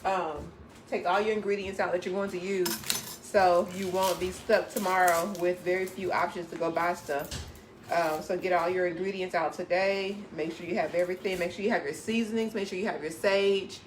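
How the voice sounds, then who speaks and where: A woman's voice: lowish voice, steady tone, moderate pace, slight background noise. A woman chatting casually in her home kitchen, giving down-to-earth cooking advice while she works. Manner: chatty, gives direct homey advice.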